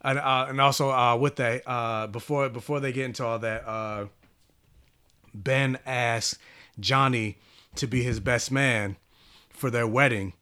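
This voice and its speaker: A man in relaxed podcast chat, recapping a comic issue with plenty of "uh"s, "like"s and restarts. His voice is bright and forward, at an ordinary mid pitch. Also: a little slow, smooth. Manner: rambling, with many fillers and restarts. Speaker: podcast host reviewing comics.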